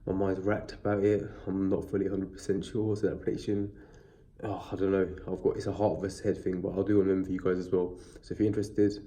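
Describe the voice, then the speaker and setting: Speaking fast in a low, dark voice with little pitch movement, this man rambles casually through a boxing news video despite a stuffy, sniffly cold. As a boxing vlogger, he's chatty, with many fillers and restarts, and records on a built-in device mic with no external microphone.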